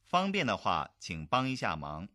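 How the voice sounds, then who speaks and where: A voice reading lesson phrases aloud slowly for learners to repeat. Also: sits low, wildly swooping pitch, bright, forceful tone, no echo, studio quality. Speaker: model reader of phrases. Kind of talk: slow drill repetition.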